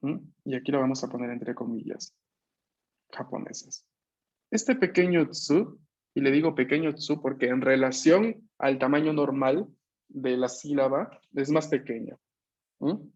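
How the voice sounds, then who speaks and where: A man's voice: medium pitch, measured pace, a little mellow. A man teaching an online language class, explaining patiently, repeating key points and checking that students follow. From Peru. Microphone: video call. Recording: slightly muffled video-call audio.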